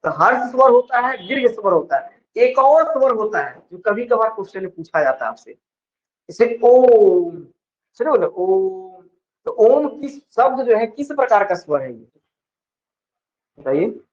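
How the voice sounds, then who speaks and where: A man's voice: sits high, very animated. A male teacher from lecturing on vowels in a classroom style, often checking whether students follow. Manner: explains slowly, stretching example words. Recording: dull lo-fi sound.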